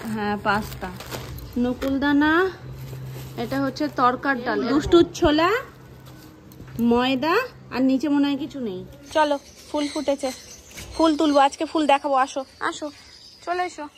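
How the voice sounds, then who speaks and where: A woman's voice: sits high, a little slow, pauses often, noisy background. A young woman with a West Bengal Bengali accent, chatting casually to her viewers at home while coaxing her toddler. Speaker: vlogger and mother. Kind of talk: casual home vlog narration. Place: home, indoors and garden.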